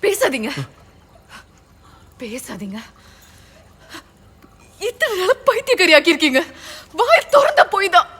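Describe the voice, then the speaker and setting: A woman's voice: extremely high pitch, wildly swooping pitch, a little slow, pauses often, fairly bright tone, in a large hall, exaggerated voice. An actress dubbing a distraught young mother who turns reproachful and tearful toward her husband. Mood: bitter. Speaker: mother, wife. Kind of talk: dubbed film acting.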